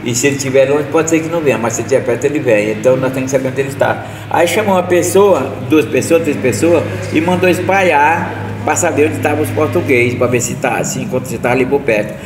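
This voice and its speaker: A man, retelling local history plainly and quickly as a storyteller. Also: mid-range voice. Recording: echoey hall from a distance with clear noise.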